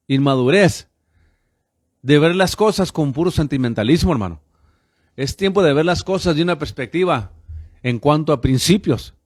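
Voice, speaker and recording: A radio pastor from the United States, a man in his fifties, preaches with fervent insistence and keeps calling his listeners brothers. His voice sits on the high side, and the studio recording is clean with no echo.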